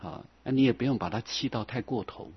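Male Buddhist monk, husky voice, folksy chuckling sermon delivery, dull lo-fi recording. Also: mid-range voice, brisk. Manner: folksy and chuckling, with many fillers.

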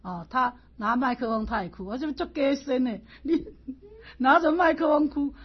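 Husky lively woman telling a teaching story. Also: sits high, moderate pace. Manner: animated, asks listeners "是不是", laughs through anecdotes. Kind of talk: storytelling lecture. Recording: dull lo-fi recording.

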